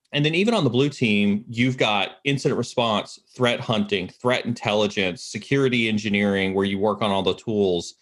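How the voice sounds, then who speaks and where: A man's voice: medium pitch, fairly bright tone. Guest expert, male, mid-range voice, upbeat casual delivery with frequent restarts. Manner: enthusiastic, repeats words when starting sentences. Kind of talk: casual interview answers.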